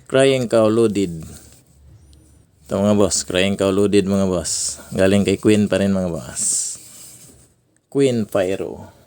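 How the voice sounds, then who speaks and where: A man from the Philippines casually unboxing fireworks for his vlog, naming each item slowly with frequent chuckles. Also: sits low, darkish tone, clean tone. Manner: slow, drawn-out naming of items, frequent chuckles. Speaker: fireworks vlogger.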